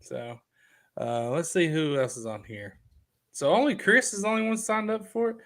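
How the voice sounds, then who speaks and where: A man's voice: on the high side, moderate pace, a bit bright. A man hosting a casual livestream, talking loosely, reading viewer comments aloud and jumping from topic to topic. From Kentucky. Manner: loose and talkative, reads out viewer comments, jumps between topics. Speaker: livestream host. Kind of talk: casual live chat.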